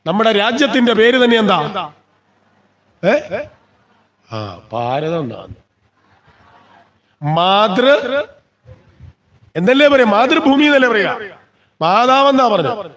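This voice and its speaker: A man's voice: very high-pitched, lively intonation, measured pace, pauses often, fairly bright tone. A man giving a devotional scripture discourse at a temple, often asking the listeners questions and then answering them himself. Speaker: religious discourse speaker. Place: temple gathering.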